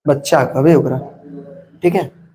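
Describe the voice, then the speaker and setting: A man's voice: a little high, fairly even intonation, unhurried, dark tone, a little hiss or hum. A young man teaching an exam-prep lesson. He asks his own questions, answers them, repeats key words and checks understanding.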